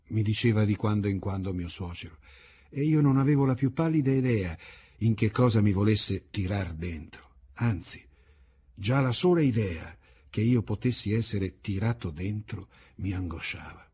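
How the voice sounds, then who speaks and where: Husky-voiced man reading a novel. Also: on the low side, dark tone. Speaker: audiobook reader. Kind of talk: scripted literary narration.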